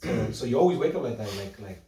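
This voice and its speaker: A man's voice: medium pitch, animated, fast talker, dark tone, far from the mic, slight background noise. A man hosting a podcast, giving short agreeing replies and mixing in Spanish. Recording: roomy sound from off mic.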